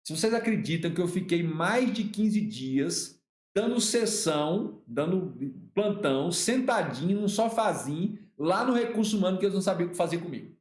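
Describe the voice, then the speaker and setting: A Brazilian man with a fairly high voice teaches law through a chatty personal story. He acts out the dialogue and often repeats his words. The room around him sounds echoey. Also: expressive, normal speed, a little mellow. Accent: Brazilian Portuguese. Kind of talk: lecture with a personal anecdote. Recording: roomy echo.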